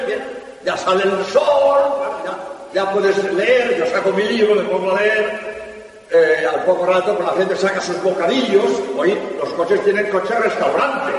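A priest giving a storytelling sermon, repeating his key phrases for emphasis. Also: high-pitched. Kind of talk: radio sermon talk. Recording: echoey hall, distant mic.

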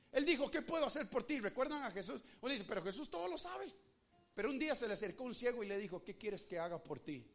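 A man with a Rioplatense Spanish accent preaching a sermon as pastor, swinging his pitch widely and acting out the voices in the story. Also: a bit bright.

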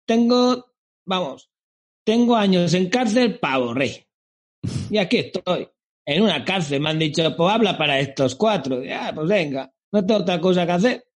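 A man's voice: sits high, lively intonation, normal speed. A man doing a swaggering Galician drug lord. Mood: menacing swagger. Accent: put-on Galician Spanish. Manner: swaggering, crude, threatening. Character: boastful middle-aged male Galician drug lord, menacing. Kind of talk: improvised comedy podcast sketch.

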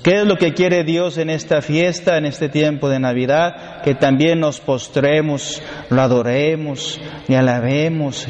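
A man's voice: on the high side, a little mellow. A man, a priest giving a sermon in emphatic repeated lists, with humorous storytelling asides. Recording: long hall reverb, faint background noise.

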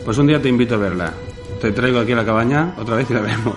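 A man from hosting a casual chat about films, relaxed and talking straight to his listeners. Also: mid-range voice, rapid-fire, over music. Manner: relaxed, chatty, addresses listeners. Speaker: podcast host.

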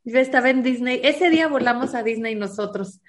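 A woman tells a painful family story in an interview. Her voice sits high, and she acts out the lines of the people in her story with earnest feeling. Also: brisk. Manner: earnest, acts out quoted dialogue. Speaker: guest, foundation founder. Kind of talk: emotional personal storytelling.

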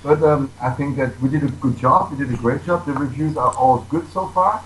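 A man's voice: medium pitch, fairly quick, a bit bright. A man speaking non-native English as a musician being interviewed, casually answering in simple, repetitive phrasing. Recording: echoey room with background noise.

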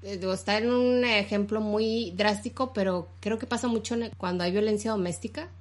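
A Mexican woman in her thirties co-hosts a relaxed talk show. She walks through ideas at length, trailing off and restarting as she thinks aloud, in a mid-pitched voice. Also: fairly quick. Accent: Mexican Spanish. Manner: explains at length, restarts often. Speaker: podcast co-host. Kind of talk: casual chat.

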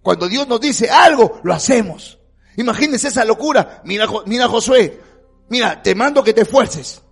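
Fervent high-voiced preacher. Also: male voice, expressive, moderate pace, vocal fry, slightly rough, soft background music. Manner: fervent, swinging between shouting and near-quiet, asks "me entiende?". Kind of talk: sermon.

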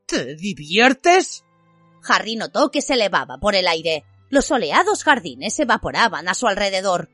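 Expressive woman reading a storybook. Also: medium pitch, fairly quick, few pauses, no echo, faint music behind. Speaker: audiobook narrator. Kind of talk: scripted fiction narration.

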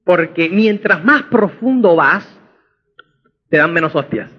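A motivational speaker gives an emphatic seminar talk, repeatedly asking "¿me entiendes?" to make sure listeners follow. His voice sits high and is expressive, slow, and slightly rough. The recording has dull lo-fi sound.

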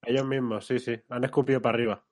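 A man's voice: medium pitch, little pitch movement, quick pace, darkish tone. A man with a Castilian Spanish accent chatting casually. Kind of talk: casual chat.

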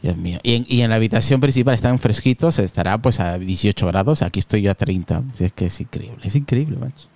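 Low-voiced man joking with co-hosts. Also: animated, fast talker, darkish tone. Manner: teasing, joking banter. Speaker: podcast host. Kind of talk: casual chat on a tech stream. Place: hot living room at home. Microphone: computer with a phone camera on a video call.

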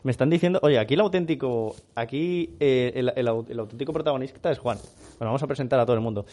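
A man's voice: medium pitch, fast, warm tone. A young man from Spain co-hosting a casual chat, joking around and explaining small facts. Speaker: co-host.

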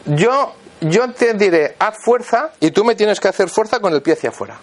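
A man walks a volunteer through a demonstration in front of an audience. His voice sits high and swings up and down. He keeps checking in with short questions as he gives each instruction. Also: animated, brisk. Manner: instructive, checks in constantly with "vale". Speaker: therapist leading a live demonstration.

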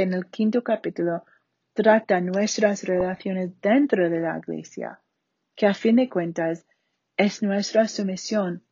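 Woman Bible teacher, earnest and deliberate, dry close recording. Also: mid-range voice, dark tone, breathy edge, dry recording. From Spain. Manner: slow, deliberate, earnest delivery with falling phrase ends. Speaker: Bible study speaker. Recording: dull muffled recording.

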